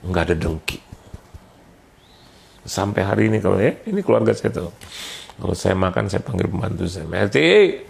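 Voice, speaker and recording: A man preaching a sermon, telling an animated, jokey story and acting out the voices of the people in it. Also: low voice, a little fast, gravelly, long pauses. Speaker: pastor.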